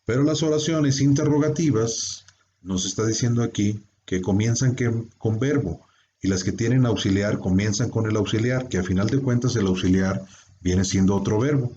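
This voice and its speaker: Low, dark-voiced male teacher. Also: normal speed. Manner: explains step by step with rhetorical questions. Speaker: English teacher. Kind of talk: classroom grammar lesson. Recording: dull lo-fi sound.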